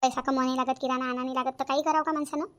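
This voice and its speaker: A woman's voice: sits high, level tone, very fast, a bit bright. A woman voicing a nagging, thrifty older mother-in-law in a cartoon comedy, scolding and repeating herself. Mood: indignant. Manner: scolding, repetitive.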